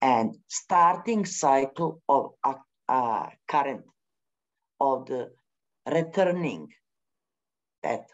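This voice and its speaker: Woman speaking slowly and animatedly. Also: rumbling low, big pitch swings. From Bosnia. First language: Bosnian. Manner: halting, searching for words with many pauses; non-native English grammar. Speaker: forum speaker. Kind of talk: spontaneous spiritual talk. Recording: dull lo-fi recording.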